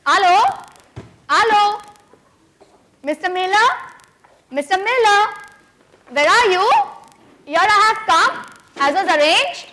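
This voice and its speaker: A woman playing a grand, theatrical art critic who speaks slowly and grandly. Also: very high-pitched, animated, sharp tone, slight background noise, full character voice, low-quality recording. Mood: pompous. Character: grand deaf-rumored elderly female art critic. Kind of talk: amateur stage comedy acting.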